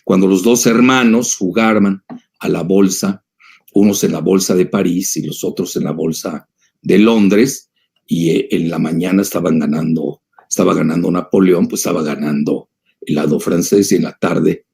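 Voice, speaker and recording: An older man answers audience questions in a rambling, emphatic lecture, full of filler sounds. His voice sits low and gravelly, with a husky edge. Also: moderate pace, mellow. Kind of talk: lecture-style talk.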